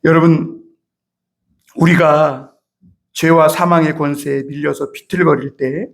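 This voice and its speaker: A middle-aged male pastor giving a Sunday sermon in a church, emotive and rising to shouts on key lines, often calling out to the congregation. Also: fairly high pitch, gravelly. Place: church sanctuary.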